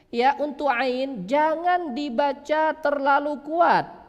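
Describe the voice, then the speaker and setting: A man teaching Quran recitation, who asks questions and answers them himself and draws out sounds slowly to demonstrate them. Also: extremely high pitch. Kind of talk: religious lesson on pronunciation. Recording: long hall reverb.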